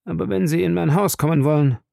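Man reading bitter old man, high and agitated, gravelly, audiobook. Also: fast talker, dark tone, no echo, studio quality. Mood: eager. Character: old grey-bearded man, bitter, shaking with rage.

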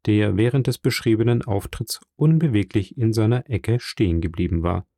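Warm-voiced man reading a novel. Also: medium pitch, gravelly, no echo, clean studio sound. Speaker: audiobook narrator. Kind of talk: scripted narration.

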